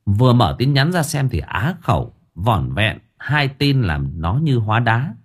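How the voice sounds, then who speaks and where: A man, narrating a comic story in a lively, colloquial way. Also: mid-range voice, unhurried, slightly rough. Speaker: audiobook narrator.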